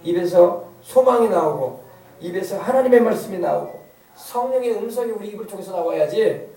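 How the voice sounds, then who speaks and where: A man's voice: high-pitched, animated, a little fast, warm tone. Emphatic preaching man in an echoey church. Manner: rhetorical questions, emphatic repetition. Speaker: pastor. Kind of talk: sermon. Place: church sanctuary. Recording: echoey church hall, distant mic.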